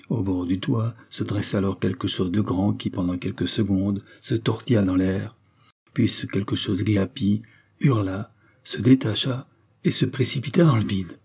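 A man reading a literary audiobook with measured, grave storytelling. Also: on the low side, mellow, husky. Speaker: audiobook narrator.

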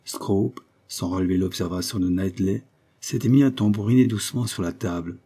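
A man narrates a story in a measured, even manner. His voice is low and husky, with a dark, mellow tone. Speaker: audiobook narrator. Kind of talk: scripted narration.

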